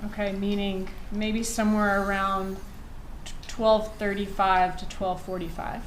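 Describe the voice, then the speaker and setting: Woman, courtroom examination, formal pointed questions, mid-pitched voice, faint background noise. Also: level tone, a little slow, rough recording. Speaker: lawyer questioning a witness.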